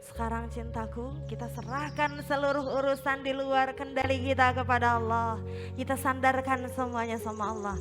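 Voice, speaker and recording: A woman leading an emotional guided prayer as a religious teacher, pleading and swelling loud, then dropping to a hushed, slow coaxing. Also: high-pitched, steady tone, over music.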